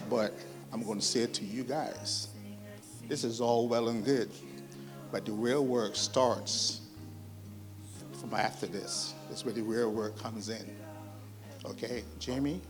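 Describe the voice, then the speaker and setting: Low-voiced uncle giving a heartfelt toast. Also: male voice. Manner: measured, heartfelt, with fillers. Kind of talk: wedding speech. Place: wedding reception hall. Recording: music in the background.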